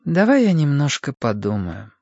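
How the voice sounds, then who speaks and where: A man reading a novel aloud, voicing a quiet, melancholy Danish woman who speaks softly and flatly. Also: low-pitched, normal speed, dry recording, muffled recording, pitched above the performer's own voice. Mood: hesitant. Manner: flat, toneless; softly whispered. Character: quiet, sad Danish woman in her prime.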